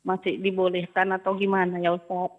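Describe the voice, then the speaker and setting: A woman's voice: lowish voice, completely flat delivery, a little fast. A woman calling in to a radio show over the phone, politely asking a religious teacher questions and often adding a respectful title of address. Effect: caller heard over a phone line on air. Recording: dull, lo-fi phone line.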